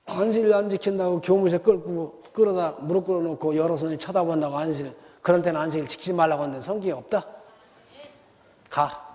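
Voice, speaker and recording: A man giving a sermon lecture, telling stories with acted quotes and swinging between soft and loud. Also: a little high, fast, in a large hall. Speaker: preacher.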